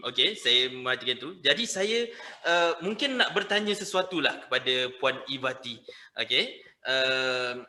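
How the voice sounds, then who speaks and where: Lelaki Malaysia bersuara sangat cerah dan tajam. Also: male voice, mid-range voice, animated, pushed and bright. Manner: polite, halting when forming questions. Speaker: conference moderator. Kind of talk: hosting a question-and-answer session.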